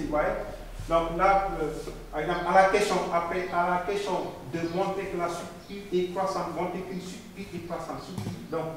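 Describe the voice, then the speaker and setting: A man's voice: a little high, a little hiss or hum. A man teaching a math lesson at the board, repeating words as he writes and restarting often. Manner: repeats words while writing, frequent restarts. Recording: very echoey classroom, mic far off.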